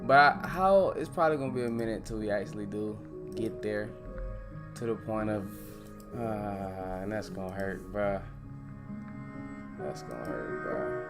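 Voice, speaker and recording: Excitable young man chatting on stream. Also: on the low side, normal speed, loud music behind the voice. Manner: animated, excitable, swears freely, says "bro" often. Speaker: live-stream host reacting to manga. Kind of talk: casual live-stream chat.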